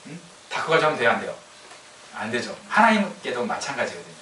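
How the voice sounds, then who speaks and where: A man's voice: mid-range voice, huge pitch swings, fast, bright, forceful tone, slight background noise. A man preaching a casual sermon, teasing the congregation and asking them questions. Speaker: pastor. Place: church sanctuary. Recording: echoey church hall from a distance.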